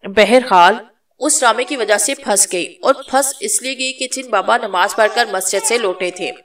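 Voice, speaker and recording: A woman's voice: mid-range voice, a bit bright, distant mic, natural voice. A woman voicing a cheeky, lovesick young woman who teases and talks crudely. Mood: confiding. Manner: teasing, crude, playful.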